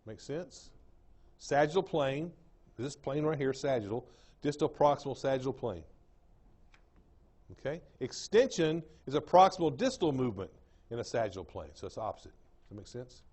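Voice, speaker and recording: A man's voice: mid-range voice, expressive, normal speed, long pauses, a little mellow. A man with an East Texas drawl teaching an anatomy class, repeating key terms and checking that the class follows. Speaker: anatomy lecturer. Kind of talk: classroom lecture. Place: lecture room.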